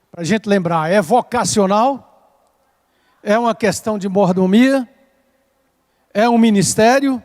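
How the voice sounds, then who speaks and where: An older man with a Minas Gerais Brazilian accent preaches a sermon from the pulpit, his voice pitched high for a man. He swells into emphatic peaks, then drops to a soft hush, and calls on the congregation to repeat words back. The sound carries a long reverb from the church hall. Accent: Brazilian Portuguese, Minas Gerais. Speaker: pastor. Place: church sanctuary.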